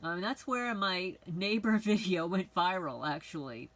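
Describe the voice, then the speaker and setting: A middle-aged woman from the Bronx speaks, her voice sitting a little low for a woman. She hosts her own channel and talks in a loose, rambling way, dropping frank asides straight to her viewers. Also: unhurried, fairly bright tone, low-quality recording. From the Bronx, New York. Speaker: channel host. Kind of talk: casual personal monologue.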